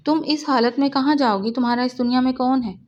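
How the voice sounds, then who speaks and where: A woman's voice: high-pitched, fairly even intonation, a little mellow, natural voice. Storybook: woman voicing a repentant young husband, pleading, on dull lo-fi audio. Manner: pleading, apologetic. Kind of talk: storybook reading of a novel.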